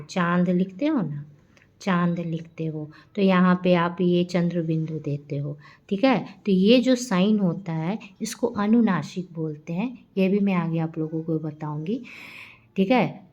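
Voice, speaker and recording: A woman teaching a grammar class at an unhurried, slow pace. Her voice is low and mellow, and she repeats herself and checks that her students follow. The recording sounds a little dull and lo-fi. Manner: explanatory, repeats points and checks with "theek hai". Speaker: Hindi teacher.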